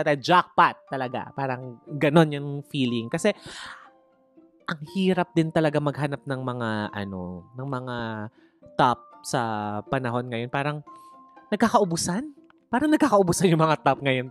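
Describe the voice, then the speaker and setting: A woman telling a candid personal story in a playful, gossipy way, with dramatic asides to the listener. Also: deep voice.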